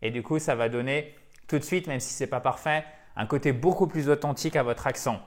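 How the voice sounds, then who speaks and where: A French-speaking man giving a lively English vocabulary lesson, chatty with his viewers and repeating words to drill their pronunciation. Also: medium pitch, brisk. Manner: chatty, addresses viewers as dear friends. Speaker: English teacher.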